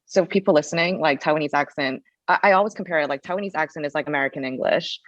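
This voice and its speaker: A woman's voice: deep voice, fast, dry recording, lo-fi sound. A woman hosting a podcast, asking questions in conversational chat and often ending with "right?". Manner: conversational, frequent "right?" tags. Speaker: podcast host. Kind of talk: casual interview chat.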